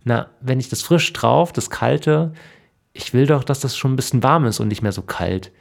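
A man's voice: on the low side, fairly quick, creaky, darkish tone. A man voicing a fussy, grumbling older husband who keeps fretting about his garden pool in a storybook reading. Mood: fussing.

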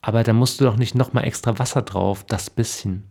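A nagging older wife in a storybook who questions everything again and again, as a male reader puts her on. The voice stays low and gravelly, with a fast, needling pace. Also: steady tone, a little mellow.

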